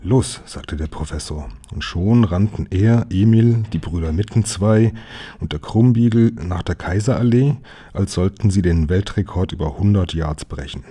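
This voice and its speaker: A man reading a children's novel aloud as narrator, lively and switching voices for the characters. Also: sits low, moderate pace, slightly rough. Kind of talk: storybook reading.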